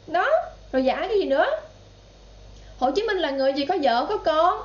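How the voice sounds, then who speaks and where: A woman's voice: sits high, lively intonation, fairly quick. A woman with a Southern Vietnamese accent giving political commentary in a vlog, indignant and talking straight to her viewers. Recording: roomy, slightly dull sound.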